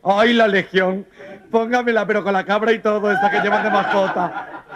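A man's voice: high voice, fairly even intonation, normal speed, crowd noise, pitched above the performer's own voice, close to an everyday voice. A man voicing a camp, fussy, gushing man with squealing sing-song exclamations.

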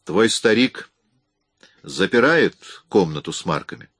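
A man's voice: lowish voice, big pitch swings, unhurried, fairly bright tone, husky, dry recording, clean studio sound, full character voice. A man reading an audiobook, voicing a hard, impatient young male burglar who asks curt, pressing questions.

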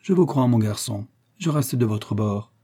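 Reader voicing a veteran army scout, calm command, dark husky tone, audiobook. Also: male voice, medium pitch, moderate pace. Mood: steady.

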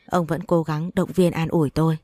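Mellow-voiced woman narrating a story. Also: sits low, level tone, fairly quick, no room sound, studio quality. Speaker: audiobook narrator. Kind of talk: scripted first-person story narration.

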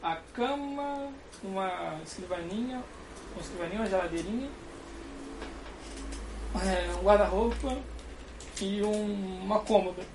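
A young Brazilian man with a Carioca accent, appearing as a guest, chats casually from a dorm room, rambling and laughing often. His voice sits high and moves at a measured pace, with long pauses and background noise around him.

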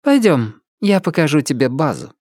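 A man's voice: a little high, sing-song, normal speed, darkish tone, no echo, studio quality, voice pushed up. A man voicing a composed woman pirate captain in an audiobook.

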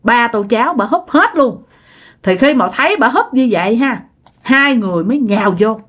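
A woman's voice: on the high side, expressive, moderate pace, fairly bright tone. A woman telling a ghost story in a chatty, casual way, speaking straight to her listeners. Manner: chatty, addresses listeners directly.

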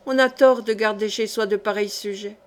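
Woman doing a stuck-up young lady, sharp and scornful, audiobook style. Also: mid-range voice, fairly even intonation, moderate pace, lightly acted. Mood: haughty. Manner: severe, mocking.

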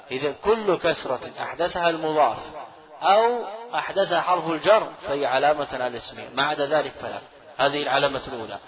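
A man's voice: fairly high pitch, a bit bright, rough recording. A man teaching a grammar lesson in a classroom lecture style, explaining step by step, repeating key phrases, asking his students rhetorical questions and chuckling often as he goes. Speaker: Islamic scholar teaching Arabic grammar.

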